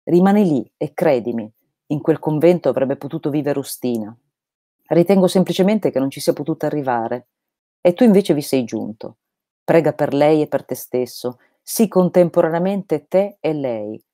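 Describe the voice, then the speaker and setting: A woman's voice: deep voice, lively intonation, moderate pace, mellow, dry recording, studio quality. A woman reading aloud the lines of an eccentric, vehement male holy fool, in an emphatic read-aloud delivery. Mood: preaching.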